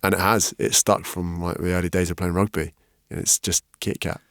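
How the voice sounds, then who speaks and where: Low-voiced man telling his story. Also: flat delivery, a little fast, fairly bright tone, no echo, clean studio sound. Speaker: podcast guest. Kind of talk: candid storytelling. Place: podcast studio.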